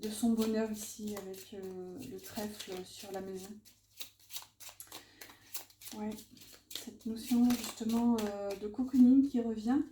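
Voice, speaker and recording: A woman's voice: mid-range voice, fairly even intonation, slow, pauses often, mellow. A woman doing a casual oracle card reading, chatty, muttering to herself with many fillers as she lays out the cards. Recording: echoey room with faint noise.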